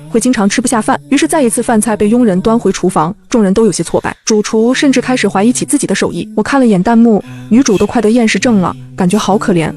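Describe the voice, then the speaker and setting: A woman with a fairly high voice narrates a comedic web novel as a scripted audiobook. She is playful and lively, slipping into different character voices.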